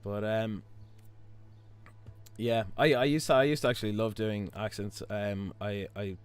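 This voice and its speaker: A hoarse Irish man with his voice stuck low, chatting casually while live-streaming a game, rambling with lots of fillers and restarts. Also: steady tone, a little slow, no room sound. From Ireland. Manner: rambling, many fillers and restarts, chuckles often.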